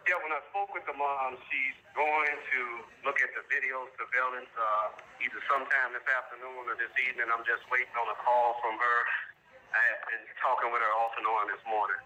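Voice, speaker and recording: A man's voice: mid-range voice, steady tone, fairly quick, pushed and bright, slight background noise, poor audio. A man heard over speakerphone as a phone-in guest, talking in a plain, matter-of-fact way with occasional hesitations. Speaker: phone-in guest reporting on a case. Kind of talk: casual phone conversation.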